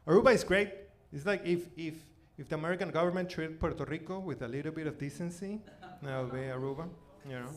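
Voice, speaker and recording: Standing before a live comedy club audience, a Venezuelan comedian aged forty, native in Spanish, speaks in a slightly high voice. His storytelling is chatty yet halting, with repeated words and frequent "like" and "you know." Background noise from the club is heavy.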